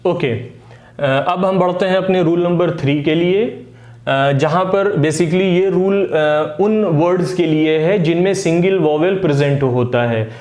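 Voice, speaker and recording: A man gives an English phonics lesson, his voice sitting fairly high for a man. He talks patiently and pauses often with "uh" fillers. The recording has a noticeable echo from the room. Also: darkish tone. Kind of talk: explaining lesson.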